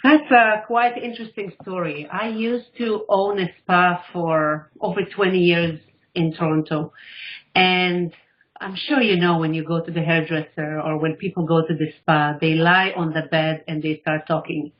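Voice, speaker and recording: A middle-aged Israeli life coach, appearing as a radio guest, tells her story with animation in casual interview talk, acting out the dialogue people said. Her voice is lowish and moderately paced. The audio is dull and lo-fi.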